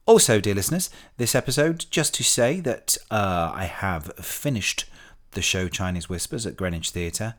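A man's voice: lowish voice, animated, normal speed. A man hosting a podcast in a chatty monologue, theatrical and effusive, drawing out words. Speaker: podcast host and stage performer.

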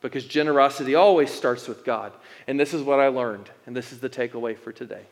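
A man in his thirties, a pastor, preaching a sermon as a personal story, moving between loud emphatic lines and soft, intimate ones. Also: mid-range voice, fast talker. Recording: long hall reverb.

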